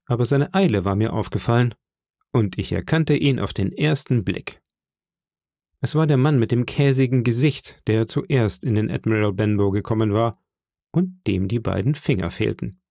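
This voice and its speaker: A man reading a story aloud as an audiobook narrator, measured and expressive. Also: mid-range voice, creaky, dry recording, clean studio sound. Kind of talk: scripted narration.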